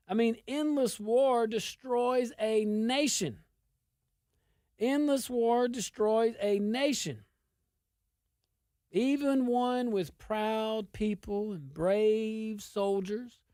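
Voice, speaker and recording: A woman's voice: a little high, a little mellow, no room sound, clean studio sound. A woman with an Arkansas Southern accent giving informal political commentary, emphatic and repeating phrases for stress.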